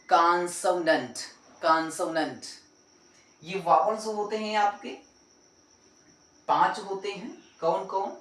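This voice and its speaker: Slow, echoey male teacher drilling sounds. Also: on the high side. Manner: asks and answers his own questions, repeating sounds. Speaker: English teacher. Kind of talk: classroom-style pronunciation lesson. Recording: roomy echo, mic far off.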